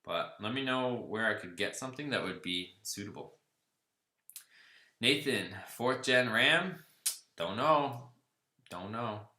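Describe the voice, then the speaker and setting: A man with a fairly low, sharp-toned voice and lively intonation takes it slowly, pausing often, in a reverberant room. He hosts a car channel livestream, doing a casual Q&A where he reads chat comments aloud and riffs on them in a relaxed way.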